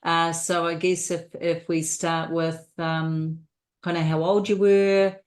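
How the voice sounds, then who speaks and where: A woman's voice: lowish voice, flat delivery, slow pace. A woman with a New Zealand accent hosting an interview show, welcoming and earnest. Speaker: host.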